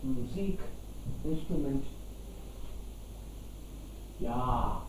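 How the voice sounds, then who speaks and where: A woman's voice: very deep voice, expressive, drawn-out words, noisy background. A woman teacher explaining a fairy tale in a language lesson, patiently repeating and explaining words. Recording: echoey room, far from mic.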